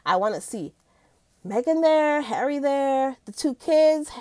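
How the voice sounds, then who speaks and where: A woman's voice: sits high, lively intonation, a little slow, darkish tone, dry recording. A woman vlogger talking casually to her viewers, chatty and gushing, often calling them guys. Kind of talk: casual commentary chat.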